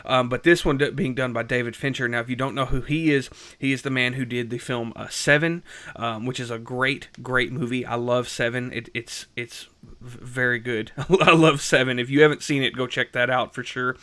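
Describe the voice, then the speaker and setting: A man's voice: medium pitch, steady tone, normal speed, bright, forceful tone. A young man giving a casual, rambling film review, full of fillers and restarts.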